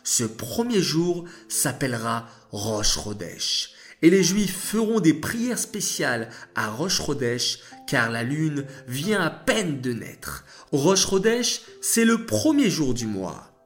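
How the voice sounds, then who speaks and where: A man voicing a kind, patient God who consoles the moon in a children's story, speaking low, slow and reassuring. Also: big pitch swings, soft background music. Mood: explaining.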